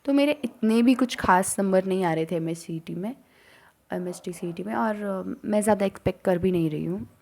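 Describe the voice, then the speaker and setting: A young woman from India, a student vlogger chatting casually to camera and telling a story with animated rushes and soft near-whispered asides. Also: medium pitch, gravelly. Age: young adult. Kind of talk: casual chat.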